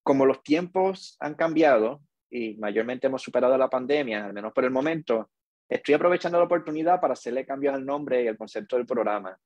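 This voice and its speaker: A middle-aged man, hosting a podcast in a slow, earnest, reflective monologue. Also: medium pitch, lively intonation, a little mellow, dry recording, muffled recording. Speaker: podcast host.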